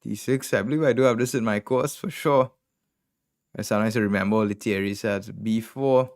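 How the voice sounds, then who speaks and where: His voice sits fairly low and a little mellow, and he keeps a moderate pace. He's a Trinidadian man live-streaming chess reviews, working through each game move by move while thinking aloud and calling out moves in brief bursts.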